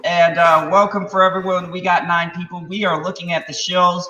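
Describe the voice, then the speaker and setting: A man hosts a casual live reaction stream, teasing his chat with sarcasm and swearing. His voice is high, level, moderately paced, and sharp-toned, recorded in lo-fi. The room sounds empty and echoey, like a warehouse, with clear background noise.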